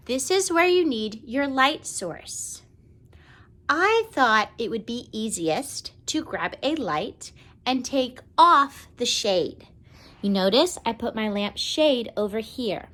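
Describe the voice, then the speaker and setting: Her voice is on the high side and a bit bright. She gives children a step-by-step how-to demonstration indoors at home, speaking simply like a teacher and often checking in with little questions.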